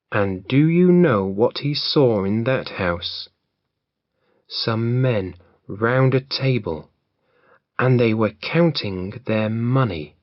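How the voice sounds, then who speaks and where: Guy reading a fairy tale for learners, really slow, dull lo-fi. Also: medium pitch, dry recording. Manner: clear, deliberate. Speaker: reader.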